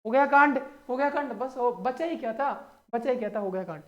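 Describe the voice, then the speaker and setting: A man's voice: very high voice, fairly quick, muffled recording. A man coaching students for exams, teaching through playful mnemonic stories and rhetorical questions, often calling his listeners brother and friends. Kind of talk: energetic exam-prep lesson.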